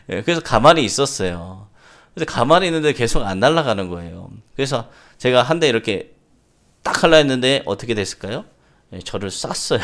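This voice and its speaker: A male pastor preaching a sermon in a storytelling manner, often filling pauses with a quick "yes". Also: lowish voice.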